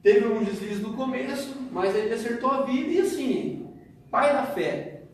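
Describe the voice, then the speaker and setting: Brazilian Portuguese male preacher, high voice, far from the mic, very echoey church hall, animated storytelling. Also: moderate pace, a little hiss or hum. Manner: animated storytelling, laughs while telling. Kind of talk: lively sermon with acted-out dialogue.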